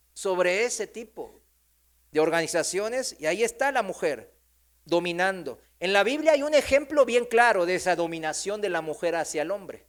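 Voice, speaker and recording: A man's voice: sits high, a bit bright. A male pastor with a Mexican accent preaching in church, telling a Bible story in a folksy way and asking the congregation questions. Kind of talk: sermon.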